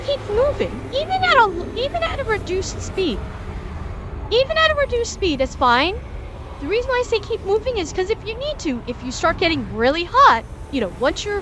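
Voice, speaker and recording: High-pitched, animated woman teaching. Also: a little hiss or hum. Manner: emphatic, repeats key points for learners. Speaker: instructor and host of a gaming lesson. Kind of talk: live gameplay tutorial, answering chat as she goes.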